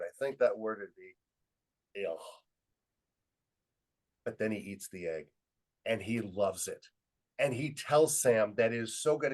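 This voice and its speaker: A middle-aged man presenting a webinar, telling an anecdote in a lively way and acting out quoted dialogue, speaking into a computer mic on a video call. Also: medium pitch, poor audio. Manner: lively storyteller who acts out quoted dialogue. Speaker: webinar presenter and student leadership trainer.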